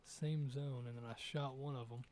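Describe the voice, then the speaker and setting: A young man talks his way through a hunting game in a loose, rambling stream commentary. His voice sits at a middling pitch, and he muses aloud, puzzling over each missed shot. A faint hum of noise runs underneath. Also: steady tone, normal speed, darkish tone. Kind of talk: casual gameplay commentary.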